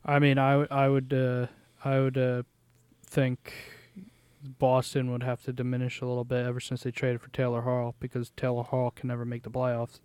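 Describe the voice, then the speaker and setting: A man's voice: mid-range voice, completely flat delivery, normal speed, darkish tone, smooth, no echo. A young man co-hosting a sports podcast, speaking casually and emphatically, often repeating words as he thinks. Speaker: podcast co-host.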